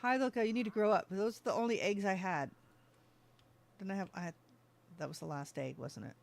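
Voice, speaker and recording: Speaking at a fairly quick clip in a creaky, medium-pitched voice, a gaming streamer provides relaxed play-by-play. They often address the in-game animals and talk to themselves.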